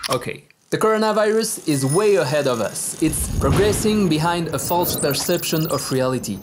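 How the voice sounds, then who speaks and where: A speaker with a French accent, a native French speaker, gives a measured, grave scripted monologue recorded on a phone in an apartment, with low sound quality.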